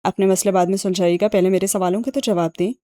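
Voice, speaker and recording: A woman's voice: medium pitch, steady tone, dark tone, no room sound, lightly acted. A woman reading an audiobook and voicing an indignant young man who fires accusing questions. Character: indignant young man, quick-tempered brother.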